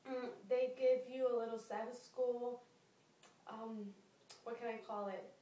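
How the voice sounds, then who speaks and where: A woman from Costa Rica answers questions as an applicant in a mock job interview, hesitating and saying "um" a lot. Her voice is a little high, warm and steady, and she speaks unhurriedly. She's recorded from a distance in an echoey room.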